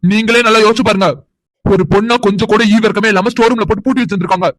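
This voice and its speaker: A man's voice: high voice, fairly even intonation, racing, fairly bright tone, no room sound. A man voicing an angry young son in a family cartoon, insistent and confrontational as he demands answers. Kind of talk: Tamil cartoon voice acting.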